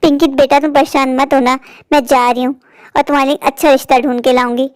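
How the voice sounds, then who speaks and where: A woman's voice: high voice, flat delivery, quick pace, no room sound, clean studio sound, natural voice. A woman voicing a scheming middle-aged stepmother in a cartoon story, snappish and defensive. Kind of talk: cartoon voice acting.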